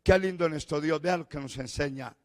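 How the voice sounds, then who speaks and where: A middle-aged Colombian man preaching a sermon as pastor, swinging between fervent shouts and hushed, tender passages. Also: fairly high pitch, a little fast. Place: large church hall. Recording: long church-hall reverb.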